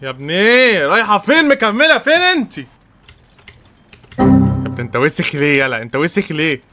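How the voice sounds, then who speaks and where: Egyptian streamer, young man, rushed angry trash talk, game music underneath. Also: high voice, huge pitch swings. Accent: Egyptian Arabic. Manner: frustrated, trash-talking, swears and mocks the opponent. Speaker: gaming streamer. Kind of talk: live gameplay commentary.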